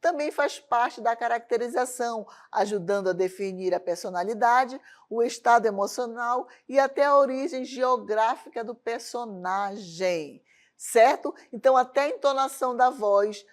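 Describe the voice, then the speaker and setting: A woman's voice: fairly high pitch, moderate pace. A woman teaching a televised arts lesson, often checking in with the class through rhetorical questions. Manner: asks rhetorical questions to the class, tag questions like "certo?". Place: lesson studio with a loom as a prop.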